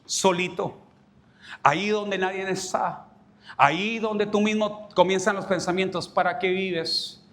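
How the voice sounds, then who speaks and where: A pastor preaching a passionate sermon, acting out the voices of people he quotes and rising at times to a shout. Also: high-pitched, steady tone, measured pace.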